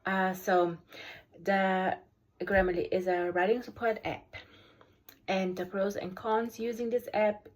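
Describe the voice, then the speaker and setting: In a mid-range voice with a level tone, a German-accented special education teacher reviews an app off the cuff. German is her native language, and she speaks haltingly, full of ums and restarts.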